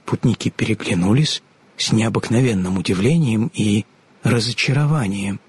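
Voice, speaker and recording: A man narrating a storybook in an expressive reading style. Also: fairly low pitch, moderate pace, husky.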